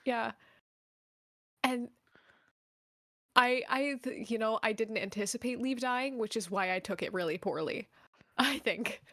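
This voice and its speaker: A fairly high-pitched woman chatting after a tabletop game session, animated, laughing and swearing freely. The sound is close and dry, with no room around it. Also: a little slow, pauses often, no room sound. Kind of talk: casual post-session chat.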